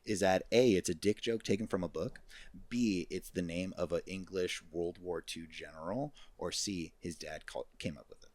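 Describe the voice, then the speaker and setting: A man's voice: sits low, normal speed, darkish tone, no echo. A man hosting a casual trivia segment on a podcast, reading out multiple-choice questions, laughing and swearing casually. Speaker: quiz host.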